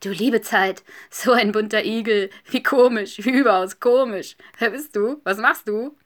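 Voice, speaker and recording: A woman's voice: medium pitch, moderate pace, close to an everyday voice. A woman playing an amused, exclaiming hare. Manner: loud, exclaiming. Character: curious amused hare who keeps exclaiming.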